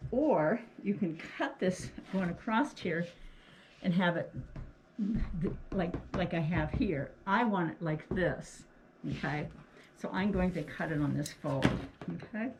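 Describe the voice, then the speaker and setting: A woman's voice: fairly low pitch, measured pace. A woman speaking through a face mask, giving a casual hands-on craft demonstration and talking along as she works. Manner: homely, talks along while working, often checks with "okay". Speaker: craft tutorial host. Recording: clearly noisy, clicks of handling.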